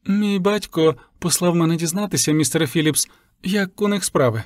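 A man's voice: fairly high pitch, normal speed, no room sound, close to an everyday voice. A man reading the lines of an anxious young woman, a ship captain's daughter, with urgent, breathless calls in an audiobook.

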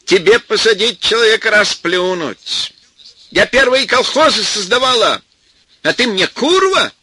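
A man's voice: high-pitched, very animated, slow pace, sharp tone, slightly rough, dry recording, pitched above the performer's own voice, full character voice. A man voicing an older, vindictive village mother-in-law who shrieks and threatens, in a raised, strained voice. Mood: shrieking.

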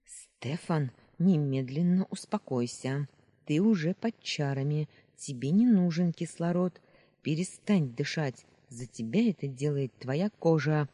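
A woman's voice: low-pitched, expressive, measured pace, warm tone, no room sound, clean studio sound. A woman voicing Luna, urgent caring young girl. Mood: urgent calming. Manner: urgent, pleading commands.

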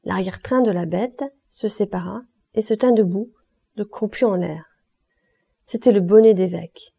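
A woman reading a classic novel aloud as an audiobook, in a steady, expressive manner. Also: mid-range voice, moderate pace, creaky, husky. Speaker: audiobook reader.

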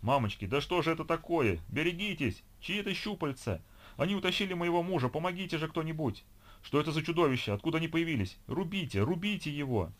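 A man's voice: fairly high pitch, expressive, quick pace, pitched above the performer's own voice, lightly acted. A man reading an audiobook voices a panicking woman passenger crying out in desperate fear. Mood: terrified. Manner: frantic pleading cries.

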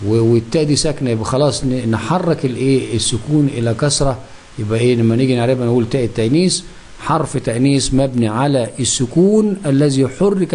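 A man's voice: medium pitch, warm tone. A man with an Egyptian accent teaching a grammar lesson, asking questions and answering them himself. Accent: Egyptian Arabic.

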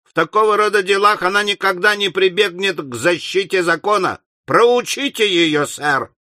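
A man's voice: sits high, sharp tone, no room sound, studio quality, pitched above the performer's own voice. A man voicing a scornful, mocking male newspaper editor who draws out his taunts, in an audiobook. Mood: goading. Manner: sneering, drawn-out taunts.

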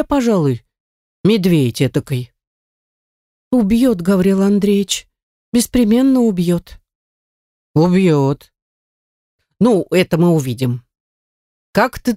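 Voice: mid-range voice, a little mellow, no room sound, clean studio sound, natural voice. A reader voicing a curt, commanding middle-aged male butler in an audiobook, speaking brusquely to servants. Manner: brusque, impatient. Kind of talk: audiobook character reading.

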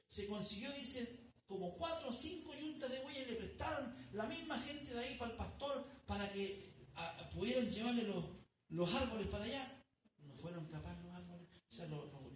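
A man's voice: high voice, a little hiss or hum. A man preaching a sermon as pastor, telling a story and calling his listeners "brother". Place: church. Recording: echoey room, distant mic.

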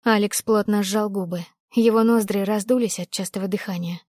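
In a studio-quality recording with no room sound, a female audiobook narrator reads a first-person story aloud in a mid-range voice, keeping a steady, measured storytelling pace.

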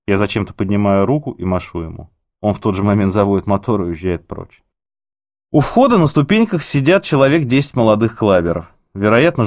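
Fast, sardonic male narrator. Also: lowish voice, darkish tone. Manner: cynical, sardonic delivery. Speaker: audiobook narrator. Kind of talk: scripted first-person narration.

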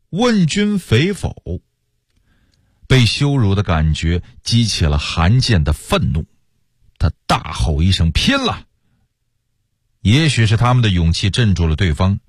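Male radio storyteller, husky voice, dry close sound, chatty asides. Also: mid-range voice, no echo. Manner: lively, colloquial storyteller with asides.

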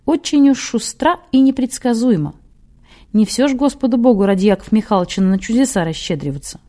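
A woman narrating an audiobook in a measured, lively storytelling manner. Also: fairly high pitch.

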